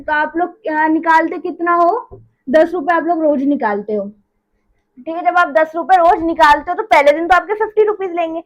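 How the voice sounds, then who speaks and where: A very high-pitched woman teaches maths in a casual, chatty manner, going back over every step and checking in often with "theek hai". The recording quality is low.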